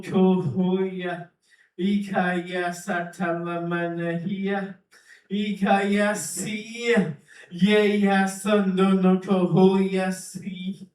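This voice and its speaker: A man delivering a prophetic utterance in archaic King James phrasing, chanting and repeating himself as he breaks into speaking in tongues. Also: high voice. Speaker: preacher. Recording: echoey room from far off.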